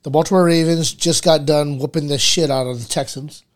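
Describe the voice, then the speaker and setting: A man's voice: fairly high pitch, steady tone, brisk. A man co-hosting a casual sports chat, talking like a frat bro with slangy, freely sweary banter. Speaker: podcast co-host.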